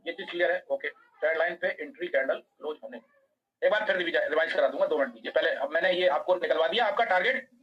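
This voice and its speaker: A man teaching a live online trading class, walking through a chart fast and asking students by name whether they follow. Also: a little high, breathy edge, muffled recording.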